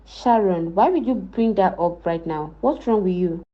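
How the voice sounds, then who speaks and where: A woman's voice: lowish voice, normal speed, close to an everyday voice. A woman voicing a protective young sister who scolds one sibling and supports another. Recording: dull lo-fi recording.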